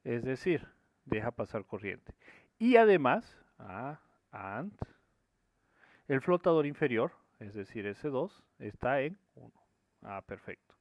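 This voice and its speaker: A man's voice: medium pitch, expressive, slow, no room sound. A man teaching a screen-recorded programming lesson, explaining each step and often checking that students follow. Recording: dry, dull lo-fi recording.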